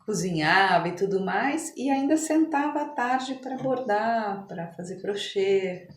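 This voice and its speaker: An older woman with a São Paulo Brazilian accent tells her life story conversationally as an interview guest, her medium-pitched voice animated and unhurried. The recording has a roomy echo and noticeable background ambience.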